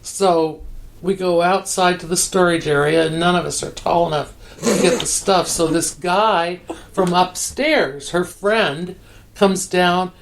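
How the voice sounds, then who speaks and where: Older lady, gravelly low voice, tells her story with lots of quoted back-and-forth. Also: a little slow, a little hiss or hum. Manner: animated, acts out quoted dialogue. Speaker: interviewee. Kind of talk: candid storytelling.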